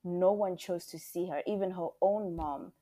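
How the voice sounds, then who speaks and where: A woman's voice: lowish voice, moderate pace, warm tone, dry recording. A woman who co-hosts a podcast, reading a story aloud and then talking about it in a heartfelt, emphatic way. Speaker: podcast co-host. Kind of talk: story reading and casual discussion.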